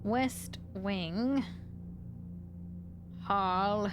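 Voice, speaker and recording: A woman streamer giving casual commentary as she plays a game, talking to her chat with quick jumps in pitch. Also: over music. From rural United States. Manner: animated, talks to chat, quick swings up in pitch.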